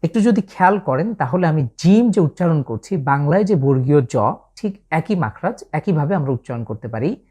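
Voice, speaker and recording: In a low, dark voice with lively intonation, a woman with a Bangladeshi Bengali accent patiently teaches Quranic Arabic letter pronunciation. She takes it slowly, drawing out each letter she models.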